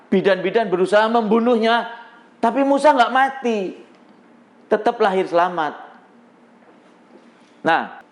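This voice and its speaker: A middle-aged man from Indonesia preaching, telling a dramatic personal testimony to a congregation, acting out shouts and prayers as he goes. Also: high-pitched. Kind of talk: sermon testimony.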